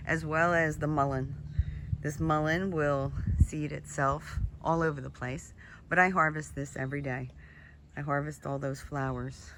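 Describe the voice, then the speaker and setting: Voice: mid-range voice, fairly bright tone. A gardener giving an enthusiastic, slightly out-of-breath walking tour of an outdoor garden, recorded on a handheld camera. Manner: enthusiastic, exclaiming over plants. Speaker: gardener showing her garden. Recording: outdoor ambience noise. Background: outdoor ambience.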